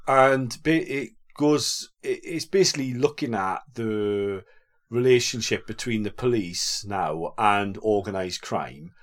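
A man with a South Wales accent speaks in a fairly low register. He hosts like an informal vicar, explaining things conversationally, with a jokey, chatty manner and plenty of tag questions. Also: unhurried. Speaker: podcast host and vicar. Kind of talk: casual conversational explaining of faith.

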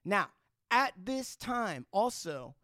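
A man with a fairly high voice explains history in a casual, opinionated way. His language is colloquial and he slips into imagined quotes to make points. The sound is very dry, with no room echo. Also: big pitch swings, slow pace, bright, forceful tone.

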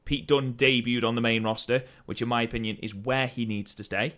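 A man co-hosting a podcast, chatting casually about wrestling in an animated, opinionated way that slides into rants. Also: mid-range voice, a little fast. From United Kingdom. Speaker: podcast co-host.

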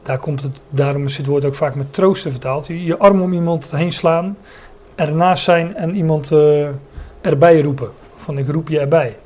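A man's voice: fairly high pitch, steady tone, normal speed, mellow. A man preaching a Bible sermon, often stopping to search for words and restate a phrase, and explaining the meanings of Greek words.

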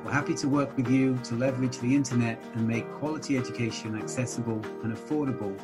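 A man's voice: medium pitch, fairly even intonation, quick pace. Man speaking over guitar music. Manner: formal and promotional. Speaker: school founder and show sponsor. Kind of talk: scripted show opening.

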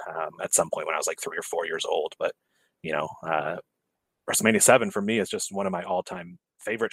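Male guest, 30s, casual rambler full of "um"s, deep voice. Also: creaky, fairly bright tone, husky, no room sound, rough recording. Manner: rambling, many fillers and restarts. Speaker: podcast guest. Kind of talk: casual chat.

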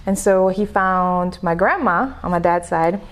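A woman's voice: lowish voice, unhurried. A woman from Senegal, a native French speaker, chatting as a podcast guest and coach, telling stories and laughing easily. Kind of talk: casual interview chat.

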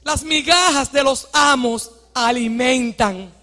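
A woman pastor preaching a fervent sermon, often shouting to urge her congregation on. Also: sits high, takes it slowly. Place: church hall. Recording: long hall reverb.

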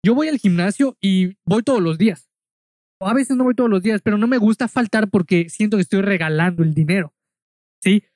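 A man's voice: high-pitched, fairly quick, a little mellow, dry recording, clean studio sound. A man from Mexico with a Mexican accent, casually telling a story in a monologue, chatty and full of asides, speaking straight to the listener.

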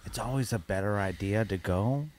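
A man's voice: lowish voice, normal speed, darkish tone, a little hiss or hum. A man in casual chat who teases his friend and stays laid-back.

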